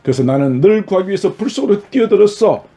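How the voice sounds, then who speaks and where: A pastor playing a loving mother who was scarred by fire, telling her story in a gentle, pleading way. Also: sits high, animated, fast, voice pushed up. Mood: tender.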